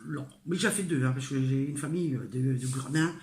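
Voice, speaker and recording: A woman's voice: extremely low pitch, brisk, noisy background. An older woman from northern France giving a casual cooking tutorial in her home kitchen. She talks straight to the viewer in a homely, chatty way, hesitating often with fillers. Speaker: home cook. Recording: echoey kitchen with clattering dishes. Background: clinking cutlery, pots and dishes.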